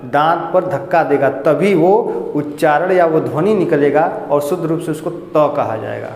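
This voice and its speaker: A male teacher walks a class through Hindi grammar one step at a time, asking and then answering his own questions. He speaks at a moderate pace in a slightly high, slightly mellow voice, and the room echoes with long reverb.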